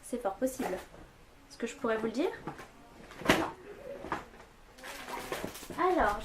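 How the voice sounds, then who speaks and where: A young woman chats her way through a shopping haul at home, rambling and full of fillers. Her voice sits a little high. A faint hiss runs under the recording. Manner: chatty, rambling, many fillers. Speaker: vlogger. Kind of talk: casual haul vlog.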